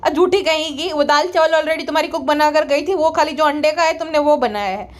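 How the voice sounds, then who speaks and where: A woman giving sarcastic, mocking roast commentary and scolding the people she talks about. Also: high voice. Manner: mocking, scolding, rapid-fire. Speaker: roast vlogger.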